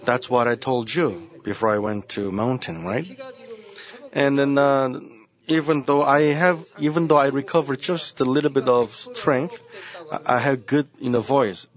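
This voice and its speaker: A man's voice: mid-range voice, steady tone, unhurried, dull audio. A man preaching a sermon as senior pastor, earnest and repeating his key phrases.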